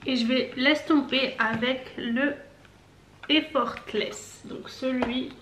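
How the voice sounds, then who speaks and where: A woman's voice: sits high, fairly even intonation, slow pace, fairly bright tone. A woman in her twenties, a makeup vlogger chatting casually and explaining each step as she goes. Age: 20s. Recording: echoey room, faint background music.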